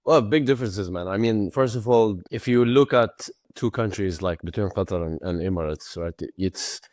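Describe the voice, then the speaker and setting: A man speaking as a guest on a remote podcast interview, relaxed and rambling, with lots of "like" and "right". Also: on the low side, moderate pace, no room sound, studio quality. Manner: relaxed, rambling, uses many fillers. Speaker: podcast guest, tech company founder. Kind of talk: casual interview answers.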